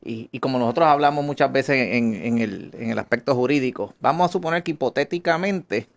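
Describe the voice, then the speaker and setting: Halting Puerto Rican lawyer-pastor man. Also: medium pitch, creaky. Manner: halting, many restarts, explanatory. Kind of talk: radio interview talk.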